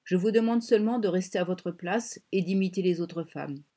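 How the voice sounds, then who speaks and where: A proud, domineering strongman of a castaway colony, as a woman reader puts him on, curt and cutting in an audiobook telling. His lines come in a plain reading voice with little change of timbre, and at times he drops to a breathless hush. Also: sits high, moderate pace. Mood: threatening. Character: proud, domineering male island strongman, former singer.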